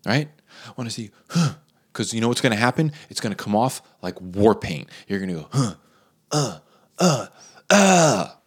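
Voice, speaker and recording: A man's voice: fairly low pitch, expressive, fairly quick, slightly rough. A man ranting comically about an advertisement, incredulous and riffing with lots of fillers. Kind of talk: comedic rant.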